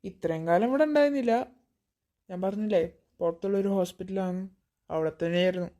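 Give me a woman voicing a calm, reassuring cartoon teenage boy. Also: on the low side, natural voice. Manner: calm, reassuring, softly teasing. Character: calm teenage boy returned after an accident. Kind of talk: cartoon voice acting.

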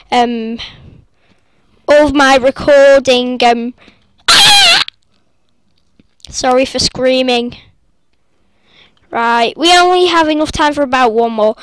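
Sitting up in bed, a woman who vlogs about games talks casually into her laptop, rambling through commentary with squeals and hurried apologies. Her high voice has a clear, resonant tone, and the recording is close and dry without echo.

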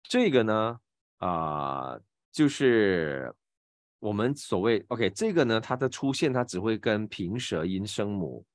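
A man with a fairly low voice and a Malaysian Mandarin accent teaches pronunciation in an online class. He explains patiently and stretches out each sample sound as he demonstrates it. His voice is close and dry, with no room sound around it. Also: sing-song, slow, dry recording. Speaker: voice acting teacher.

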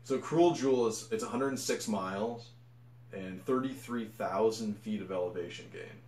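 A man's voice: on the low side, normal speed, darkish tone. Rambling man in an echoey room. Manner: rambling, self-correcting, enthusiastic. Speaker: ultra runner vlogger. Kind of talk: casual unscripted monologue.

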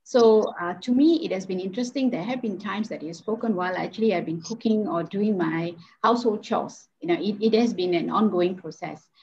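A woman's voice: mid-range voice, fairly quick, few pauses, darkish tone, lo-fi sound, slight background noise. A woman leading a devotional Bible study over a video call, speaking hesitantly with many fillers and restarts.

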